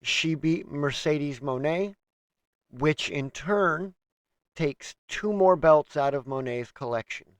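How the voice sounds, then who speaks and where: A man's voice: on the high side, slow, clear, resonant tone, dry recording. A man hosting a casual wrestling review, steadily running through a list of news items. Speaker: host.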